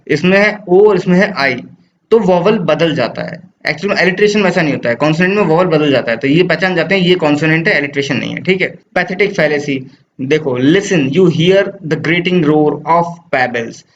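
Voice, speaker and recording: A man teaching English literature, explaining poetic devices patiently, repeating points, asking rhetorical questions and reading poem lines slowly. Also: high-pitched. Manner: reads poem lines slowly, mixes English terms into his talk. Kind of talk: classroom lecture. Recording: dull lo-fi sound with faint noise.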